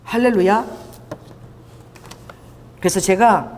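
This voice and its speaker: A middle-aged woman pastor preaching a sermon, telling stories with strong emotion and sudden high cries. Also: takes it slowly, a little mellow, slight background noise. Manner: emotional storytelling, shifts into high cries and laughter. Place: church sanctuary. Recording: long reverb of a church hall.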